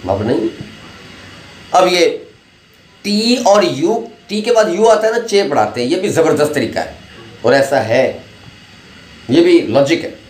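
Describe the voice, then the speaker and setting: An English teacher delivers a chatty classroom lecture packed with anecdotes and pronunciation drills. His slightly high voice is animated yet slow, with frequent pauses, recorded in an echoey room with faint noise.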